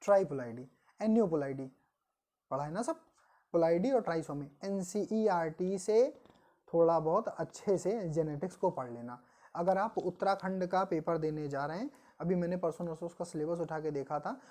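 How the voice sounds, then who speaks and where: Biology coaching teacher, woman, mellow low voice, patient question-and-answer lecturing style. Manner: explains patiently, asks the class questions and answers them herself; reads English definitions slowly, then explains them. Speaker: biology exam-prep teacher. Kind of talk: online coaching lecture in Hindi mixed with English terms.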